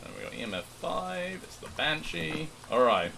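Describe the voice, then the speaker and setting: A man doing live horror game commentary, chatting casually to viewers in an animated, excitable way with jokey asides. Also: a little high, normal speed, vocal fry, noisy background. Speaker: game streamer.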